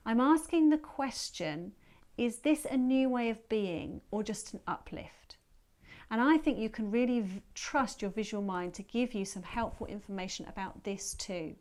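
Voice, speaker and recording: A woman therapist calmly explaining to her viewers how she guides a visualisation session. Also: on the high side, moderate pace. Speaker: therapist and teacher.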